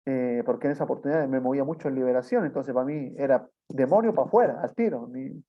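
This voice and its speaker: A man's voice: medium pitch, fast. A man preaching a sermon, telling a testimony in a storytelling way and often adding tag questions. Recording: dull lo-fi sound.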